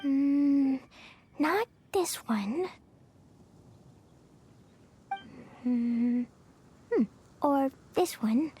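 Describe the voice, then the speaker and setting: Very high, innocent little girl, Klee. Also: animated, extremely slow, warm tone, a little hiss or hum, heavily acted. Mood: searching, eager. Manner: childlike, naive, simple wording. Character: cheerful, innocent, impulsive little girl adventurer. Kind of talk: animated video game acting.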